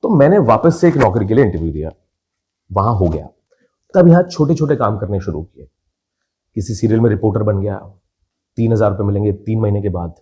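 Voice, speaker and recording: A young Indian actor from India, appearing as a podcast guest, tells his life story in casual conversation. His voice sits on the low side, brisk with frequent pauses and a breathy edge, and he's a lively storyteller who acts out his family members' voices.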